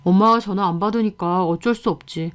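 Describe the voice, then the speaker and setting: A woman's voice: mid-range voice, brisk, lightly acted. A woman voicing an evasive young husband. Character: hesitant, flustered young husband. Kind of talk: story narration with acted dialogue.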